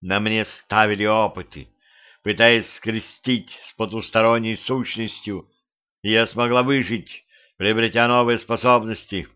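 A man voicing a cruel, power-hungry vampire queen who speaks slowly and menacingly. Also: fairly low pitch, fairly even intonation, clean tone, muffled recording, natural voice.

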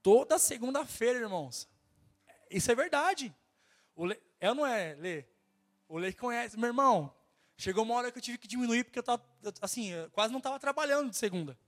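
A man's voice: very high-pitched, animated, brisk. A man preaching a fervent sermon with a nasal voice and a Brazilian Portuguese accent, urging his listeners over and over. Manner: fervent, exhorting, keeps repeating "my brother".

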